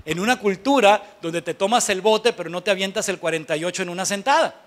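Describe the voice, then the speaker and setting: Speaking briskly in a high-sitting voice, a man with a Mexican accent delivers a conversational sermon to his congregation as their pastor. His style is plainspoken and colloquial, and he leans on rhetorical questions for emphasis.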